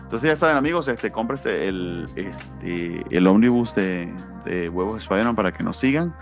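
A man co-hosting a casual comics podcast, rambling and filling pauses with hesitations. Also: low-pitched, expressive, faint music behind. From not from Mexico, now naturalizing. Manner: rambling, many "este" fillers. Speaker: podcast co-host. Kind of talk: casual chat about comics.

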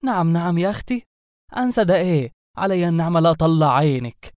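Shrill, nosy young women trading gossip in a raised falsetto with an Egyptian accent, as a male narrator puts them on. The voice stays mellow and dark underneath, recorded close and dry in a storybook reading. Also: lively intonation, quick pace, dry recording, natural voice. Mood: gossipy. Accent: Egyptian Arabic.

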